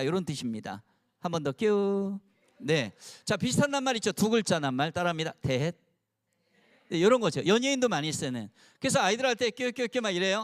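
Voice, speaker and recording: A pastor in his sixties preaching to mothers in a church, playful and having the audience repeat phrases after him. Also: high voice. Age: 60s. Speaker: pastor and longtime teacher. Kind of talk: sermon to a mothers' gathering. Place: church, before a live audience.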